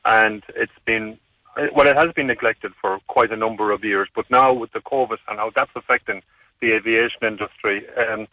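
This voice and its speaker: Bright-voiced of man on phone. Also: on the low side, no echo. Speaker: radio interview guest. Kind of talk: current affairs commentary. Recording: muffled, distant phone line to radio.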